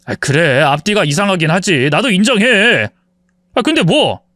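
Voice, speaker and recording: A man's voice: sits high, big pitch swings, normal speed, pushed and bright, no echo, studio quality, pitched below the performer's own voice, heavily acted. A man voicing an arrogant husband in his forties who mocks his wife and justifies his cheating. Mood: scornful. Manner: contemptuous, mocking, self-justifying. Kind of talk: dramatized story reading.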